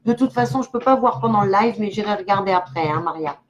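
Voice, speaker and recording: A woman's voice: medium pitch, fast, highs cut off. Chatty, giggly older woman medium. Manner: chatty, giggly, talks directly to viewers. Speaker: clairvoyant medium hosting a live stream. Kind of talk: casual live-stream chat.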